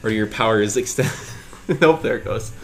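A man's voice: fairly low pitch, moderate pace, soft background music. A man co-hosting a casual challenge video, teasing his partner and laughing often. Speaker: co-host. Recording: clear background noise.

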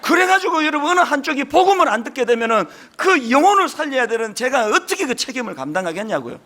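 A man's voice: extremely high pitch, big pitch swings, quick pace, pushed and bright. A middle-aged male pastor with a strong Gyeongsang Korean accent, preaching a sermon in an earnest, emphatic way. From Gyeongsang region, South Korea.

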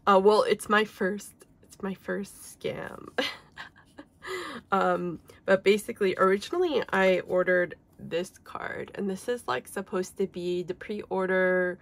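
Young woman with a gravelly, sick voice. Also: medium pitch, steady tone, takes it slowly, no room sound. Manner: chatty, many fillers like "like" and "um". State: sick, voice a little off. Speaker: K-pop collector vlogger. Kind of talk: casual unboxing chat.

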